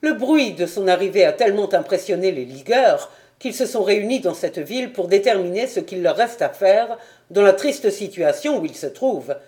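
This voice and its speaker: Woman reading as a stern male nobleman, storybook audiobook, grave, reproachful, mellow tone. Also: mid-range voice, lively intonation, moderate pace, lightly acted.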